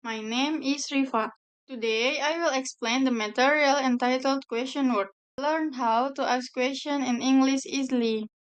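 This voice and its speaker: A woman's voice: high-pitched, steady tone, moderate pace, smooth. A young woman with an Indonesian accent, a student giving a formal, rehearsed class presentation. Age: young adult. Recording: dull lo-fi recording.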